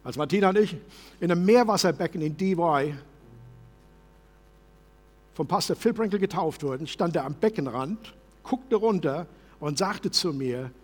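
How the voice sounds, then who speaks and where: A man preaching a sermon as pastor in a church service, passionate and shifting from loud to soft. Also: high-pitched, slightly rough, big-room sound.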